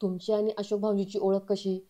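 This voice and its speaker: A woman reading the lines of a boastful man who pretends to have a head injury, in a mellow, level voice. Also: medium pitch, level tone, a little fast, close to an everyday voice. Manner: bragging, evasive.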